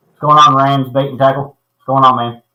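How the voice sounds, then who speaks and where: A man's voice: medium pitch, level tone, a little fast, sharp tone, dull audio. Man sounding like he's in a pipe. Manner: laid-back, teasing, friendly. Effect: hollow pipe-like sound from a small basement corner room. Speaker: co-host of a fishing livestream. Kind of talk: casual livestream chat, greeting viewers. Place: small corner room in a basement. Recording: echoey small basement room.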